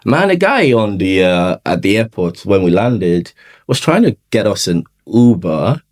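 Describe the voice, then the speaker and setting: A man from Nigeria, a podcast guest, telling his story in a relaxed, chatty way with many fillers. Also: lowish voice, unhurried. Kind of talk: casual conversation.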